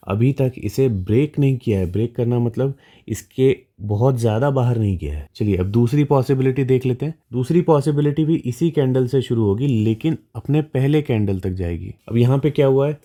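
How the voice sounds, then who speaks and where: Man with a dark, mellow Indian accent. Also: mid-range voice. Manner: explanatory, checks in with "theek hai" often. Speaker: stock market educator. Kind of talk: casual chart walkthrough.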